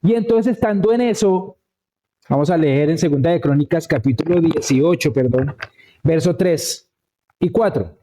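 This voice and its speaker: A male preacher delivers a relaxed, storytelling sermon in a church. His voice sits a little high yet sounds deeply dark and mellow. He keeps turning to the congregation to check that they follow. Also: moderate pace, slight background noise. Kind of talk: conversational sermon.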